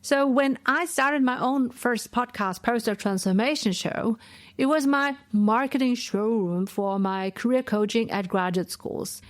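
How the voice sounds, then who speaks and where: A woman in her forties hosts a podcast from her home office. Her voice sits a little high, and the sound is dry and close, with no room echo. She talks in a lecturing, explanatory way and keeps checking in with the listener. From Asia. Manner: lecturing, explanatory, with rhetorical "right?" tags. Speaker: podcast host. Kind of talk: solo podcast talk.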